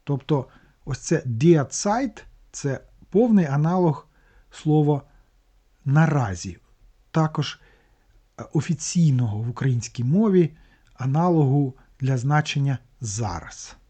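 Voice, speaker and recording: A man's voice: fairly high pitch, expressive, a little slow, mellow, husky. A man teaching a language lesson, patiently explaining grammar and word meanings step by step, with small restarts.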